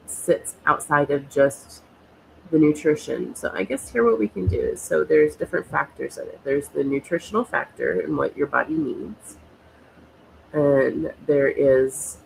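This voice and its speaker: A woman's voice: low-pitched, vocal fry, a little hiss or hum, rough recording. An American woman hosting a casual talk, nasal from a cold, speaking in hesitant, rambling phrases with many fillers. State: has a cold. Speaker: host.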